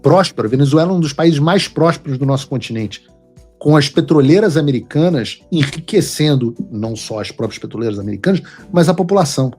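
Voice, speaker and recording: A man's voice: fairly high pitch, expressive, a little fast, a little mellow, slightly rough, soft background music. A man hosting a political commentary show, talking in an emphatic, lecturing way.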